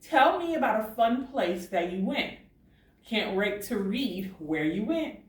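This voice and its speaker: A woman teacher giving a recorded lesson to young children, slow, patient and sing-song, stretching words out as she writes. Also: medium pitch, big pitch swings, distant mic. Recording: echoey room, off the mic.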